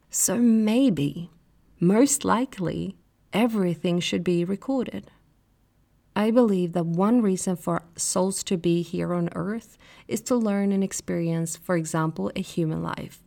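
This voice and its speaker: A woman's voice: fairly low pitch, gravelly, warm tone. A woman hosting a solo spiritual podcast, talking reflectively and asking the listener questions. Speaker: podcast host.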